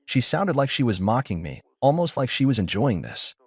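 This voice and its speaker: A man's voice: mid-range voice, sing-song, normal speed, breathy edge, no echo, clean studio sound. A man reading a dramatic first-person story aloud as a scripted narration.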